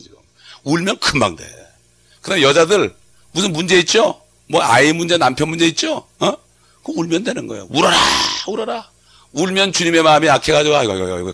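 Gravelly-voiced pastor preaching conversationally. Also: male voice, a little high, fairly bright tone. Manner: conversational preaching with frequent call-and-response questions. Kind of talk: sermon.

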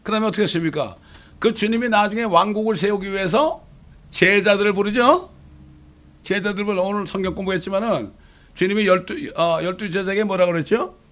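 Middle-aged male pastor, high voice, emphatic sermon delivery with rhetorical questions. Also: brisk, a bit bright.

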